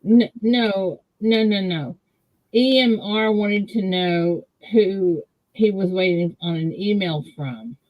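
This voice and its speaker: A woman's voice: mid-range voice, slow. Muffled woman, like through a wall. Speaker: livestream co-host. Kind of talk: casual chat on a video call. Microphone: computer mic on a video call.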